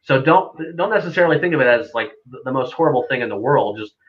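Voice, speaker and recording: Speaking fast and animatedly at a medium pitch, this man is captured on dull audio. An air traffic controller appearing on a live stream, he explains things in a laid-back, conversational style with anecdotes.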